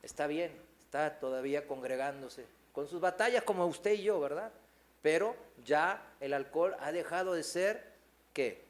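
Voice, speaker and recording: A man's voice: on the high side, lively intonation, normal speed. A male pastor, preaching a sermon full of rhetorical questions to his congregation.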